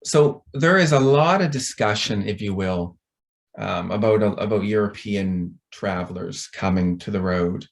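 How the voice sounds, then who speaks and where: A middle-aged man with a fairly low voice gives a conference talk over a video call. He is chatty and rambling, with a self-deprecating manner. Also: a little slow, creaky. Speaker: conference speaker.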